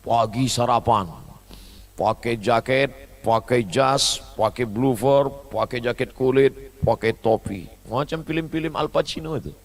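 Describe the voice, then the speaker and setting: A man giving a humorous sermon, swinging between loud high bursts and soft low asides as he mimics foreign phrases. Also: measured pace. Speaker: preacher.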